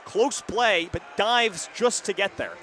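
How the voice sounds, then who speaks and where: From a live stadium booth, a young man announces an American football game on the radio, his voice high, bright, and forceful yet slow-paced. Stadium crowd noise and outdoor sounds are plainly heard in the background.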